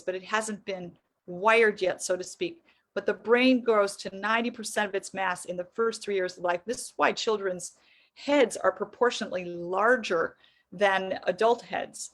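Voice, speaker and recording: A woman's voice: medium pitch, fairly bright tone. Earnest middle-aged woman teaching. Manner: earnest, explanatory, rhetorical questions. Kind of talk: faith-based teaching talk.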